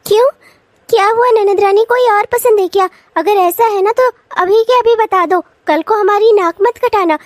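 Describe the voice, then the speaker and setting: A woman voicing a teasing young daughter-in-law in a cartoon, who coaxes and gently mocks. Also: very high voice, moderate pace, no room sound. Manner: gently mocking, coaxing. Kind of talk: cartoon voice acting.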